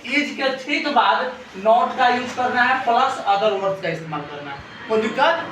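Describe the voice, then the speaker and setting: A man teaching English grammar to a class. He keeps asking quick questions and repeats the answers. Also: very high voice, far from the mic, background noise. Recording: very echoey room, voice from off the mic.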